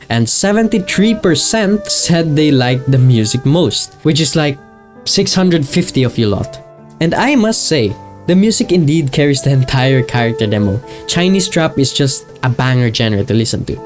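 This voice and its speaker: With guitar music underneath, a man narrates a video essay in an informal, upbeat and casual manner. This video creator has a fairly high-pitched voice with a darkish tone.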